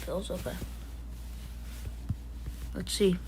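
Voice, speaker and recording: Drawing out her words in a darkish voice, a woman livestream host jokes around on a casual stream, captured in a low-quality recording with a little hiss or hum. She talks loosely and rambles, full of fillers and restarts, and greets chat members by name.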